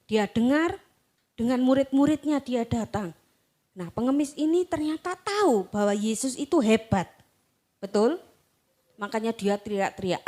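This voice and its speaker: A high-pitched Indonesian woman preaching to her congregation. She reads scripture slowly and with emphasis, then tells the story in a lively, chatty way, acting out what the people in it say. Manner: slow, emphatic reading, then chatty storytelling with acted-out quotes. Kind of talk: sermon with Bible reading.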